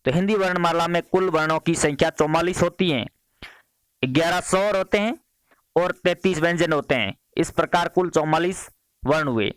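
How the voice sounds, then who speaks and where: A man's voice: a little high, clear, resonant tone, dry recording. A man teaching a quiz-style Hindi grammar lesson for exam preparation. He reads each question and its options, then repeats the question and gives the answer. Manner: brisk, repeated "next question" transitions.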